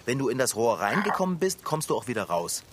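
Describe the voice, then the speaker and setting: A man's voice: medium pitch, very animated, fast talker, noisy background, natural voice. A man playing a patient, cheerful bicycle mechanic who talks soothingly and practically in a children's puppet play.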